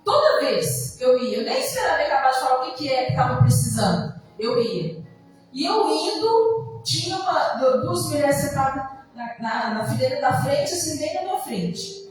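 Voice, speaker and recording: A woman's voice: high-pitched, big pitch swings, normal speed. A woman pastor with a Brazilian accent preaching a sermon, telling personal stories in a conversational way. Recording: very echoey church hall from far off with faint music.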